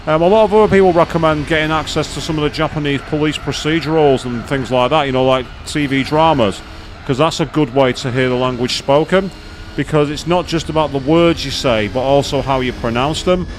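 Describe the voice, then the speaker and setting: A man's voice: fairly high pitch, a little fast, a little hiss or hum. A man chatting casually on a live gaming stream, rambling with many fillers and restarts as he explains things to viewers.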